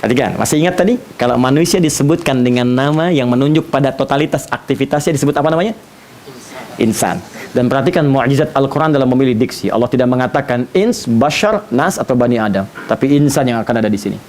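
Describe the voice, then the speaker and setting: A man preaching an animated sermon lecture, using playful asides for the audience. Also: medium pitch, fast talker. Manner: animated, playful imitations of foreign speakers. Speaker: Islamic preacher. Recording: faint hiss.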